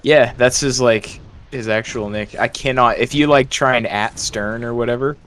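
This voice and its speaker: A man's voice: medium pitch, steady tone, normal speed, a bit bright, a little hiss or hum. A man chatting casually with friends over voice chat during a game, often trailing off and restarting. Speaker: gamer on voice chat.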